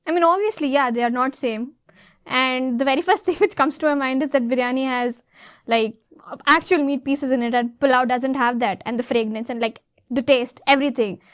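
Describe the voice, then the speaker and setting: Young Indian woman panelist, high voice, assertive, dry close sound. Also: fairly bright tone, no echo. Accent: Indian English. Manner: assertive, quick to argue back. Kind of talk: student panel discussion.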